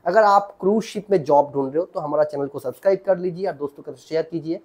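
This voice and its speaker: A man's voice: a little high, quick pace, darkish tone. A man hosting a channel, giving casual job advice straight to the viewer, repeating points and checking in with the listener. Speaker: channel host, job guidance. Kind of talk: casual direct-to-camera advice.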